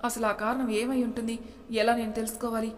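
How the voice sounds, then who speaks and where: A woman voicing a moody young husband with a curt, gruff manner, in a storybook reading. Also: on the high side, flat delivery, brisk, natural voice. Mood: brooding. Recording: echoey room with long reverb.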